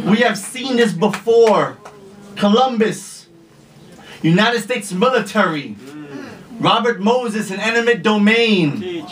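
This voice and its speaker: Male slam poet, very high raised voice, declamatory, impassioned, incantatory, forceful shouts, live stage, distant from the mic. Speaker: spoken word poet. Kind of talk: slam poetry performance, declamatory. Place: live poetry event before an audience.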